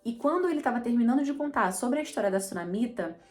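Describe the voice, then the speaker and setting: A woman's voice: on the high side, animated, fast talker, a little mellow, faint music behind. A woman with a Brazilian accent teaching a Bible lesson as chatty storytelling, often checking in with her listeners. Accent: Brazilian Portuguese.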